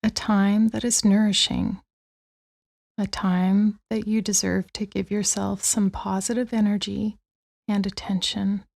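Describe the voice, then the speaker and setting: In a mid-range, level voice that's mellow and slightly creaky, a woman slowly and gently talks listeners through a body-scan meditation. She lets long pauses linger after each soothing phrase.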